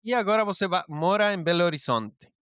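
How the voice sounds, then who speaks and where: Upbeat high-voiced male podcast host. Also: brisk, no echo, clean studio sound. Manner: lively, mixing Spanish and Portuguese. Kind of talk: travel podcast interview.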